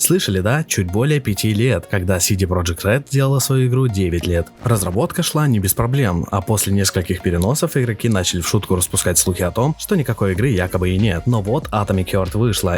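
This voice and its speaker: A man's voice: fairly low pitch, darkish tone. A man narrating a scripted, opinionated video essay as a game reviewer. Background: faint music.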